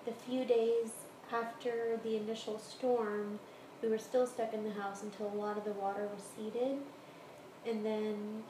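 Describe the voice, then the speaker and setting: Recorded in a home room with an echo and noticeable background noise, an American woman from the Houston area talks casually as an interviewee about her personal experiences. Her pitch is mid-range.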